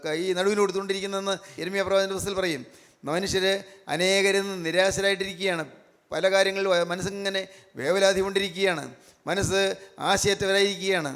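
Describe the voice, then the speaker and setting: Malayali man preaching, high and kinda flat, keeps repeating himself, echoey hall. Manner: repetitive, emphatic preaching with frequent praise phrases. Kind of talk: sermon.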